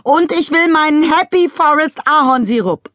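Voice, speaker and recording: A woman's voice: high voice, normal speed, fairly bright tone, no room sound, clean studio sound, voice pushed up. A woman voicing a bossy, demanding mother who bellows and shrieks her orders from a distance in an audiobook story. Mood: bossy, shrieking.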